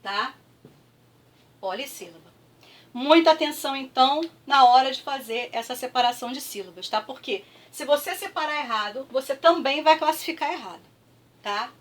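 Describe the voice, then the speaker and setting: Brief: Brazilian woman teacher, high voice, patient, drills syllables slowly, mic set back from her. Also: animated, recorded from a distance. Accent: Brazilian Portuguese. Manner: patient, repeats words slowly with clapping, frequent "tá?" checks. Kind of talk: classroom review lesson.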